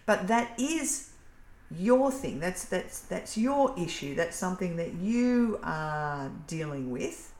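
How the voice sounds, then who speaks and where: A woman's voice: on the low side, sing-song, slow pace, few pauses, darkish tone. A teacher in casual conversation, explaining her views earnestly. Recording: roomy with faint background noise.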